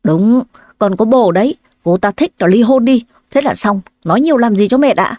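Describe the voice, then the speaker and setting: A woman reading the lines of a cold, scornful young husband in a spoken story, in a warm, fairly high voice. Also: animated, normal speed, no room sound, clean studio sound. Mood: dismissive. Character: callous drunk young husband, contemptuous.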